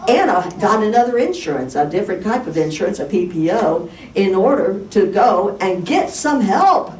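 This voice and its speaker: Woman pastor preaching in an echoey church. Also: normal speed. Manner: animated storytelling, acting out dialogue with big pitch jumps. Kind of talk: sermon told as a personal story. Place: church sanctuary. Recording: echoey church from far off, faint hiss.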